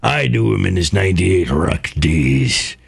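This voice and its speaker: Man putting on a low parrot-like boaster. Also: lively intonation, measured pace, vocal fry, breathy edge, heavily acted. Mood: boastful. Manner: parrot-like, low mocking put-on voice.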